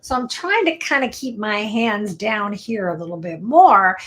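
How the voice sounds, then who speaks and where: A woman's voice: mid-range voice, expressive, a little slow, fairly bright tone. Upbeat, talkative woman lawyer hosting a live stream; casual, chatty delivery. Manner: chatty, upbeat and talkative, drops into whispered asides. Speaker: attorney hosting a live legal Q&A show.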